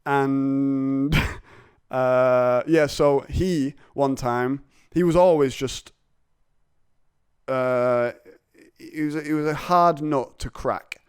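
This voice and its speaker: A man's voice: mid-range voice, fairly even intonation, drawn-out words, pauses often, clean tone, no room sound, clean studio sound. A man hosting a podcast, chatting in a rambling, jokey, confessional way. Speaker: podcast host. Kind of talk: casual chat.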